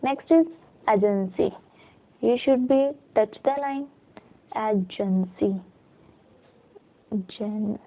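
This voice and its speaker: A woman teaching a shorthand lesson, patiently sounding out words syllable by syllable, mixing in English terms and often checking in with the class. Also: high voice. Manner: slow and patient, checks in with "ठीक है"; mixes Hindi with English terms. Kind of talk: step-by-step lesson. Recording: tinny narrow-band audio.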